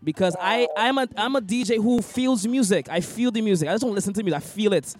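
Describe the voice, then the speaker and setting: A man's voice: high voice, fast talker, no echo, faint music behind. A man hosting as a DJ over a video call, talking in an effusive, emphatic way and repeating his praise. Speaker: DJ and interview host. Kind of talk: casual interview chat.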